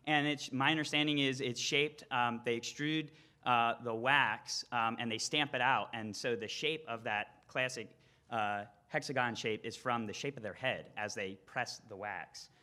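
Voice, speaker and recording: A man's voice: mid-range voice, normal speed, sharp tone. A man giving a casual explanatory talk at a conference, with frequent hesitations. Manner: hesitant, filler-heavy explaining. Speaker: conference speaker.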